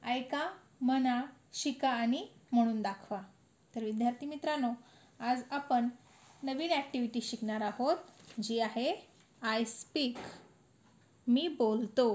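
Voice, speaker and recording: A woman teacher, slowly reciting a children's poem and explaining it in a sing-song classroom manner. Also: fairly high pitch, darkish tone. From India. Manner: slow, sing-song recitation with lifted words.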